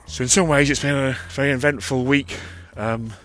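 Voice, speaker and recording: Walking uphill along a busy road and breathing hard, a vlogger talks into a cupped handheld mic for his audio diary. His mid-range voice is steady and fairly bright at a normal pace, wandering and self-correcting, while traffic passes in the background of the street recording.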